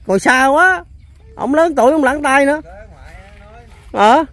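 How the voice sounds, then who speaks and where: A man hosts a casual on-location interview. His voice sits notably high. He talks in a chatty way, repeating words and filling pauses with little hesitation sounds. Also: animated, fairly bright tone. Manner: chatty, repeats himself, many hesitation fillers. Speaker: host.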